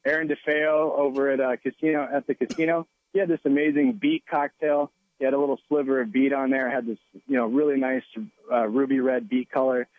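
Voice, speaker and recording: A chef calling in by phone to a radio show, relaxed and joking in casual chat. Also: male voice, mid-range voice, a little fast, dry recording. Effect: voice heard over the phone. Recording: tinny phone line.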